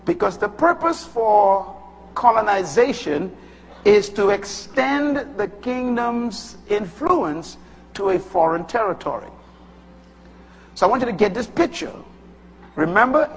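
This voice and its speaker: A man from the Bahamas with a Bahamian accent, preaching a sermon with emphatic bursts that rise high and drop low. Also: expressive, slow pace, a little hiss or hum. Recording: long hall reverb.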